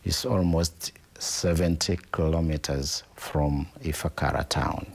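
Man, middle-aged, from Tanzania, bishop, very deep voice, unhurried, deliberate answers. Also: steady tone, gravelly, a little mellow. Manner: slow, deliberate, repeats phrases like "in actual fact". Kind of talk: interview answers.

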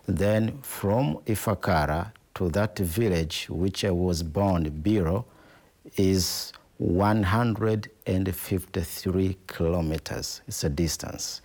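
Man, middle-aged, from Tanzania, bishop, very deep voice, unhurried, deliberate answers. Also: a little mellow. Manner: slow, deliberate, repeats phrases like "in actual fact". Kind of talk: interview answers.

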